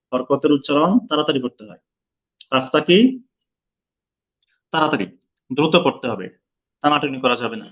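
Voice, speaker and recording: A man's voice: medium pitch, a bit bright, lo-fi sound. A man teaching an online lesson, explaining step by step and quizzing his students. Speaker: Quran recitation teacher.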